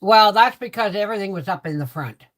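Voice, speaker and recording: A woman's voice: mid-range voice, expressive, fairly quick, fairly bright tone. An older woman chatting casually to viewers in a rambling way, repeating herself, her speech affected by a swollen, sore mouth after having teeth pulled. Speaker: livestream host.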